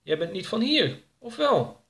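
Man playing a guarded woman organizer in a storybook, higher voice, curt. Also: sing-song, a little slow, gravelly, a bit bright, full character voice. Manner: curt, dismissive.

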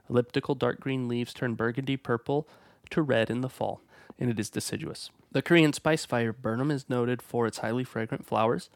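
Hosting a nursery's weekly plant feature, a man with a cold-stuffed voice reads his plant guide notes steadily and informatively at an ordinary middle pitch. The audio is dry with no room echo.

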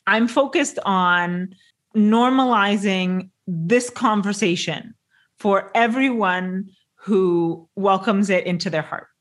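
A woman guest author speaking in an interview, upbeat and laughing as she talks. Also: medium pitch.

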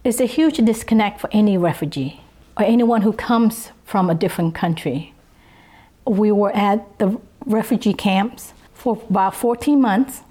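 A Vietnamese-born woman in her fifties, whose first language is Vietnamese, speaks with a Southern US accent as she earnestly recounts her life in an interview. Her medium-pitched, warm voice moves unhurriedly, with pauses, in a reflective personal testimony.

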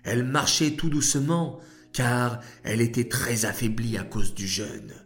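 A man narrating a children's story in a slow, deliberate storytelling voice. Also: mid-range voice, a bit bright. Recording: faint background music.

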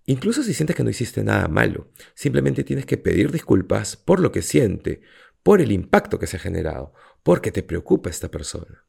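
A man speaks alone on his podcast, offering sincere coaching advice and pausing often on fillers. His voice sits very low, with a heavy gravelly fry and a husky edge. His pitch moves a lot as he talks. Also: very animated, a little mellow. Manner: earnest, reflective advice-giving with frequent fillers. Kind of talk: solo podcast monologue.

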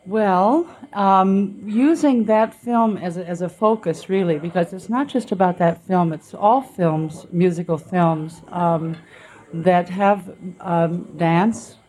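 A woman being interviewed on a radio show, talking in an easygoing way with lots of um and uh as she gathers her thoughts. Her voice sits a little lower than usual for a woman. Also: slow pace, a little mellow, rough recording. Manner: chatty, with frequent um and uh fillers. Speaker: guest dancer. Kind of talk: casual interview talk.

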